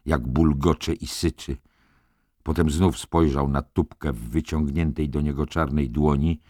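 A man narrating an audiobook in a measured, grave storytelling manner. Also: very deep voice, no room sound, studio quality. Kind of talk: scripted narration.

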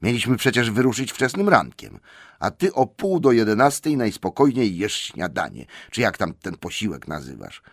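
A man voicing a brisk, commanding old male wizard in an audiobook, impatient and hurrying. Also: low-pitched, creaky, breathy edge, no room sound, studio quality, heavily acted. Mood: chiding. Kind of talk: audiobook character voice.

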